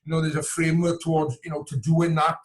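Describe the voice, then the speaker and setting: A Welsh man, a coach and entrepreneur guesting on a podcast, speaks in a conversational interview with a slightly high, fairly flat voice at a quick pace. He's hesitant and repetitive, circling back over his words and saying "you know" a lot.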